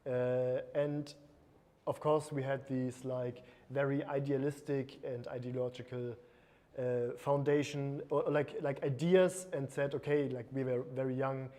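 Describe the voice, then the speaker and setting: A man's voice: mid-range voice, flat delivery, a little slow, mellow. A man who is a creative director and agency co-owner, speaking on a panel in a casual way, full of fillers like "like" and "uh". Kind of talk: panel talk. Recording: long hall reverb.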